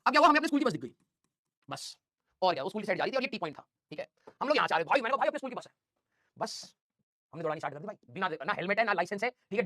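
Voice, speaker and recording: A man's voice: sits high, fairly bright tone, no room sound, clean studio sound. A male teacher, telling his students a funny story about himself in a chatty, self-mocking way.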